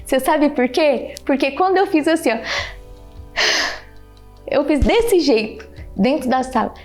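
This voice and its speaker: A woman giving a heartfelt personal testimony, animated, repeating her phrases and thanking God. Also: sits high, a little slow, faint music behind. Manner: animated, repeats phrases, keeps addressing the listener by name; religious, thanks God openly. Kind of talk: emotional personal storytelling.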